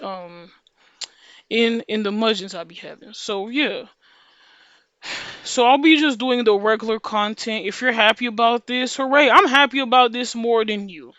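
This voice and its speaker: Chatting to her viewers, this woman creator rambles in loose, slangy fashion, often repeating herself or starting phrases over. Her lower-than-usual voice still sounds smooth and bright, though the close, echo-free, dry audio comes across dull.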